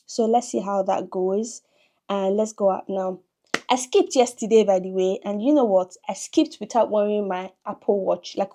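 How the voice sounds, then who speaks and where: A young woman talks straight to her viewers in a loose, chatty vlog. Her pitch sits mid-range for a woman. She keeps breaking off into quick, self-amused asides. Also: dark tone. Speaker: lifestyle vlogger. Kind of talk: casual vlog chat to camera.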